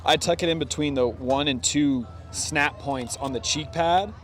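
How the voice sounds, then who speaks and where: Here the motorcycle vlogger sounds on the high side and takes his time, with slight noise in the background. He explains a hands-on gear installation outdoors with his friends, keeping it casual and slangy and saying "dude."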